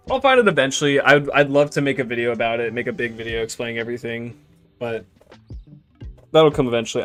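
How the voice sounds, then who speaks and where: Here a man in his twenties speaks at medium pitch with a fairly bright tone while streaming a game. The chat is casual and rambling, with crude humor and frequent trailing-off mutters.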